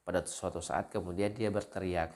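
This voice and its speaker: A man giving an earnest Islamic sermon in a measured way, with frequent fillers and repeated words. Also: low-pitched, fairly even intonation, a little mellow. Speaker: preacher.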